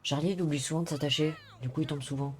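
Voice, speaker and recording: A man's voice: a little high, fairly even intonation, fast talker, a little hiss or hum, close to an everyday voice. A man playing a mild, worried, clumsy Englishman in an online role-play, hesitating in simple, slightly broken French with an English accent. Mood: earnest.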